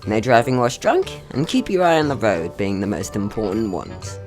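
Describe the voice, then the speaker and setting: A young video creator narrates his own short film, telling a scripted story in a mock-serious manner at normal speed. His mid-range pitch swings in a lively way, and music plays behind his voice.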